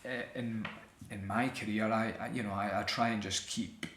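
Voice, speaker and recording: A man's voice: fairly low pitch, steady tone, moderate pace, a bit bright, reverberant, slight background noise. A middle-aged Scottish man, an actor and writer, talking reflectively as an interview guest with many restarts and fillers. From Scotland.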